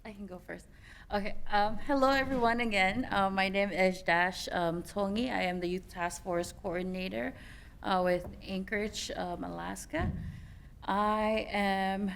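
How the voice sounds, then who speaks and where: A woman's voice: medium pitch, fairly even intonation, unhurried, creaky, a bit bright, slight background noise. A young woman from American Samoa, speaking on a youth panel, telling her personal story candidly with many fillers and restarts.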